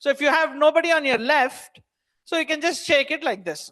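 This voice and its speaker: Fast, high-pitched woman with Kannada accent. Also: expressive, fairly bright tone. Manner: instructing, prodding the audience with short questions and commands. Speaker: event host leading audience icebreaker. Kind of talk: interactive audience exercise, mixing English and Kannada.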